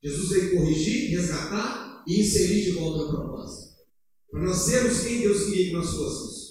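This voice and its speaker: Animated pastor in an echoey church. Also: male voice, moderate pace, distant mic, a little hiss or hum. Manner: animated, swings from loud urging to low asides. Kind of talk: sermon. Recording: echoey church hall, heard from afar.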